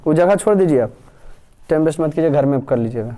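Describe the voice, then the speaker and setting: A man's voice: on the high side, lively intonation, fast, mellow. A male teacher, dictating a grammar lesson word by word and quizzing his students. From Bihar, India.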